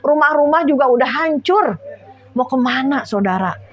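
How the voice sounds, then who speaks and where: A woman's voice: sits high, lively intonation, normal speed. A middle-aged woman, preaching an informal home sermon in a conversational, exhorting way. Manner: conversational, exhorting, checks in with listeners.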